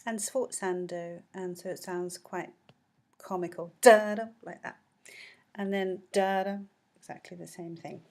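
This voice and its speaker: A woman talks through a musical score like a teacher, laying out each point plainly. Her voice sits a little low. She breaks into short sung syllables to show how a phrase goes. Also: little pitch movement, a little slow, darkish tone. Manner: explanatory, sings snippets of melody. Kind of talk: score analysis lesson.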